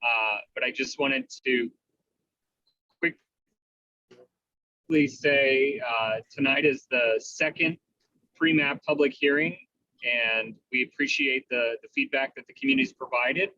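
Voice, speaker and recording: A man calling into a school board meeting while driving, speaking over a car speakerphone, making brief, polite, hurried remarks with filler pauses. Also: medium pitch, sharp tone, no echo. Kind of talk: brief formal remarks on a video call. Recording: distant, muffled call audio.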